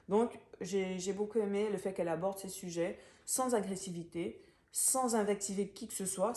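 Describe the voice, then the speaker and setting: A woman's voice: on the low side, dark tone, echoey room. A young woman from Gabon with a Gabonese French accent, talking casually through a book review with many fillers and restarts.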